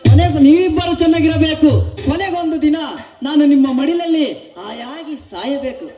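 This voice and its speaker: Man playing a heartbroken young lover, shouting. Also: very high voice, normal speed, crowd noise. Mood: anguished. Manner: melodramatic stage declaiming, often shouting. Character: heartbroken young male lover, self-pitying. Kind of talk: stage drama acting. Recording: echoey hall with music behind.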